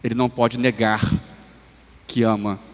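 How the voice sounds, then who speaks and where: A man with a Brazilian Portuguese accent preaching a sermon in a church. He speaks slowly and measuredly, rising to emphatic swells and then dropping to soft, low phrases. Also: level tone. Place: church sanctuary. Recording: livestream with long hall reverb.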